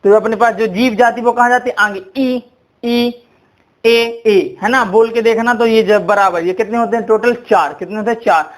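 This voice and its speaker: A man's voice: sits high, fairly even intonation, fast, hardly any pauses. A man teaching a grammar lesson, quizzing his listeners and repeating key points with "ठीक है". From India. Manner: repetitive, quizzing with "ठीक है" and "कितने होते हैं?".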